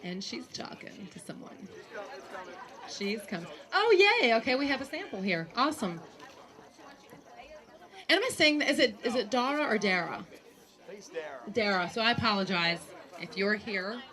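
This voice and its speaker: A woman's voice: medium pitch, animated, normal speed, long pauses, sharp tone. A woman emceeing a charity auction, reading out each item's details in an upbeat way. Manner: upbeat, reads item details aloud. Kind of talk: announcing auction items.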